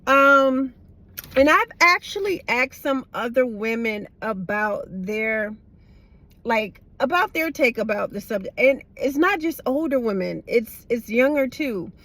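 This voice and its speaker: Inside a parked car, a middle-aged woman vlogs a casual, candid chat, tired and rambling with blunt slang. Her retainers give her a slight lisp. The voice sits on the high side, pushed and bright, animated but at a measured pace.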